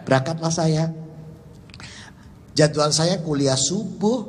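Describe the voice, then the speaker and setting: A man preaching a sermon, telling a story and acting out the dialogue. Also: medium pitch. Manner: animated, acts out dialogue. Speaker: Islamic preacher. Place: office hall. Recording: echoey hall, faint noise.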